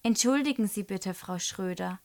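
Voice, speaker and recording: A woman's voice: medium pitch, normal speed, close to an everyday voice. A woman doing a sheepish murmuring schoolboy. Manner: quiet and murmuring.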